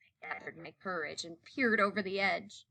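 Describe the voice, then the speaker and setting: A woman reading a children's picture book aloud in an expressive narrating style. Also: fairly low pitch, normal speed, gravelly. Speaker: story reader.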